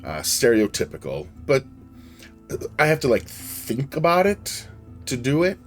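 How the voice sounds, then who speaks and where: Low-voiced man chatting on a game stream. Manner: rambling, digressive, answers chat. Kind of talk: casual chat while livestreaming a game.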